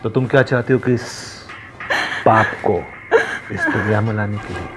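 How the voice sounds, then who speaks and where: An actor playing a man who holds his young wife captive, coaxing and softly menacing in a crime drama. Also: on the low side, fairly even intonation, moderate pace, natural voice. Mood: creepy. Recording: music playing under the voice.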